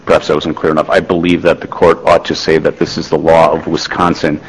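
A man, a lawyer, making a formal oral argument before a court, measured, with restarts and fillers. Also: rumbling low, level tone, long reverb tail, a little hiss or hum, low-quality recording. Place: large courtroom.

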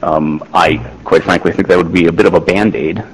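A man, a lawyer, making a formal oral argument before a court, measured, with restarts and fillers. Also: low voice, fairly even intonation, long reverb tail, a little hiss or hum, rough recording. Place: large courtroom.

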